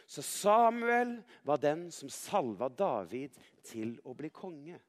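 A man with a high, very lively voice tells a Bible story to children, dramatic and playful, turning to talk straight to his young listener. His voice rings out in a hall with a long, trailing reverb.

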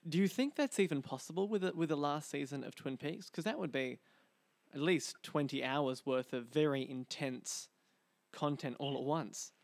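Gravelly man interviewer, dry sound. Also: on the high side, moderate pace, no room sound. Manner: enthusiastic fan, asks long framed questions. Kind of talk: interview questions.

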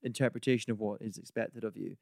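A man's voice: on the low side, steady tone, quick pace, gravelly, darkish tone, no room sound, clean studio sound. A man co-hosting a casual podcast, rambling through stories with lots of ums and likes. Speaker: podcast co-host.

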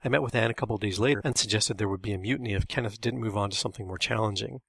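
Guy narrating his memoir, matter-of-fact, gravelly husky voice. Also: lowish voice, very fast, a bit bright, dry recording, clean studio sound.

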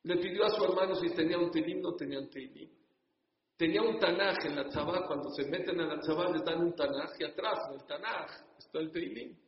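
A man's voice: on the high side, fairly quick. A man telling a religious story dramatically to a congregation, speaking to the listeners directly. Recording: echoey hall, dull sound.

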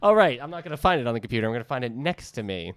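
A man's voice: mid-range voice, sing-song, racing, fairly bright tone, slight background noise. A man with a New England accent, co-hosting a podcast, casually reading book blurbs with jokey asides. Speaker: podcast co-host.

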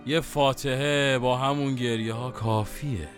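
A man's voice: mid-range voice, steady tone, faint music behind, lightly acted. A man playing a brooding, feverish taxi driver who muses in cryptic, repetitive fragments in a surreal audio drama. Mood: darkly musing. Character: brooding, feverish male taxi driver craving ice lollies.

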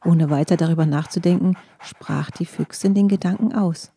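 A woman narrating a children's audiobook with expressive storytelling. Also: lowish voice, moderate pace, gravelly, husky.

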